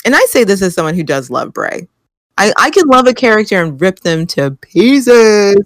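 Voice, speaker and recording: A woman co-hosting a casual chat show, animated and quick to laugh as she argues her view. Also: medium pitch, dry recording. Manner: animated, laughs often, mimics reactions. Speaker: podcast co-host.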